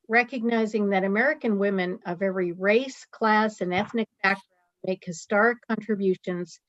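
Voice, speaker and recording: A woman joining by video call to read a formal proclamation in a steady, careful way. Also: medium pitch, no echo. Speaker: community guest reading a proclamation. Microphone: remote video call. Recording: dry, dull video-call audio.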